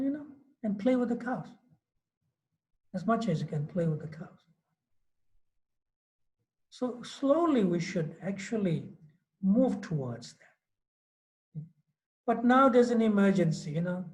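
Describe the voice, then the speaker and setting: This high, darkish male voice belongs to a swami nearing sixty who is teaching a devotional class in Mauritius. He talks casually, with frequent "you know"s, and the recording is rough.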